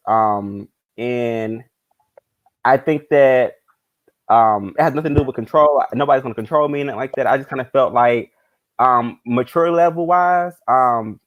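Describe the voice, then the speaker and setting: A man's voice: medium pitch, highs cut off. A man chatting casually on a podcast, stopping often with fillers and restarts. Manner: halting, many fillers and restarts.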